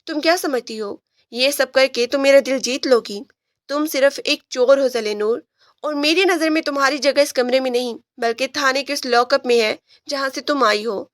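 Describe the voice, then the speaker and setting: Storybook read: a woman plays a domineering male police officer, scornful and harsh, in a high, dry voice. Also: dry recording, natural voice. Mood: harsh, commanding. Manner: barking, scornful.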